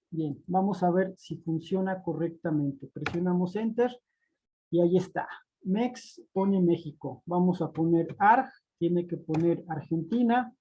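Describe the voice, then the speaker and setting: A man's voice: sits high, warm tone. A man narrating a screen-recorded spreadsheet tutorial, methodical and step-by-step, often repeating points. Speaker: spreadsheet instructor. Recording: dull lo-fi recording.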